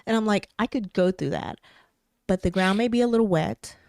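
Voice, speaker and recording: A woman co-hosting a podcast, telling a story in casual chat, animated and swearing as she vents her exasperation. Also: medium pitch, fairly quick, no room sound. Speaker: podcast co-host.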